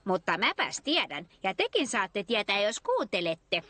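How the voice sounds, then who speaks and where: A woman's voice: medium pitch, very animated, pushed and bright. A woman voicing a sly, chatty rat who lives among trash bins and talks in a teasing, knowing way.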